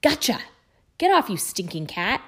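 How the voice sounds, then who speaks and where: A woman's voice: on the low side, brisk, natural voice. A woman voicing a panicky, hotheaded teenage schoolboy wizard in a storybook reading. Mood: shouting. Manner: hissing then shouting, hotheaded.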